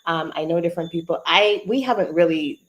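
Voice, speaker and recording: Chatty woman hosting an online group call, lowish voice. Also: fairly quick, low-quality recording. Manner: chatty, informal, addresses listeners as "you guys". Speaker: host of an online group chat session. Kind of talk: casual live-stream hosting, like a conference call host greeting people as they join.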